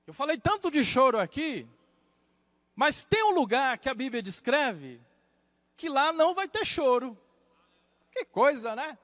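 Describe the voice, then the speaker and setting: A male pastor preaching a sermon, moving between hushed low asides and loud rising exclamations. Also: very animated, measured pace, long pauses, dry recording, long reverb tail.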